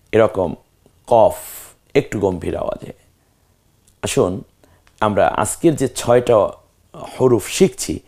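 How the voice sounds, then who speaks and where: A man's voice: fairly low pitch, creaky, a little mellow. A man with a Bangladeshi accent teaching the Arabic alphabet, patiently drilling letter names and coaxing the learner. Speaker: Quran teacher.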